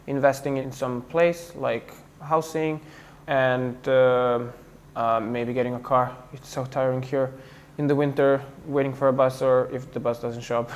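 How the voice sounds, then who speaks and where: A young man from Serbia with a Serbian accent, talking in an interview, pausing often with fillers and restarts. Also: medium pitch. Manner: hesitant, many fillers and restarts. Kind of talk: casual interview talk.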